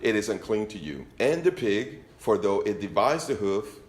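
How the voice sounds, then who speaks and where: Speaking with a Spanish accent, this Venezuelan preacher jokes conversationally while teaching his congregation from scripture. His lowish voice is very animated, his pace moderate, and the space sounds roomy.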